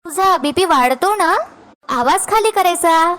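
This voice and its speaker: A woman acting out a scheming, sharp-tongued rich woman who scolds and hushes. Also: extremely high pitch, animated, a little slow, heavily acted. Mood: hushing. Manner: scolding, then coolly hushing.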